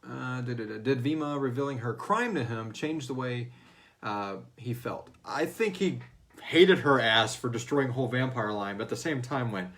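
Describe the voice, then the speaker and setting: Hosting a fan Q&A show, this man answers listener questions in a casual, joking style full of profanity. His mid-range voice is animated and fairly bright, and he talks at a normal speed.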